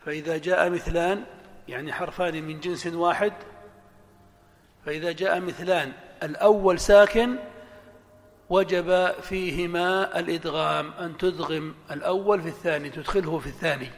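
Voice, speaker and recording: A male scholar giving a classroom lecture on grammar, explaining a text slowly and deliberately and repeating each example aloud. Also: fairly high pitch, fairly even intonation. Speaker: Islamic scholar teaching grammar. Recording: long reverb of a lecture hall.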